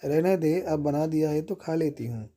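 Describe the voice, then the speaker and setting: A man's voice: on the high side, normal speed, dark tone, natural voice. A man voicing a grumpy, nagging old mother-in-law who scolds and complains in a story reading. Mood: scolding.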